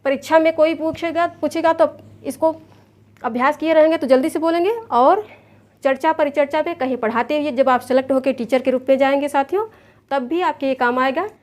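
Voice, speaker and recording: A woman's voice: sits high, fairly quick. A woman, patiently teaching an exam lesson from a chart, repeating terms and counting them aloud. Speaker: Sanskrit exam coach. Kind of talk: recorded online lesson explaining a chart.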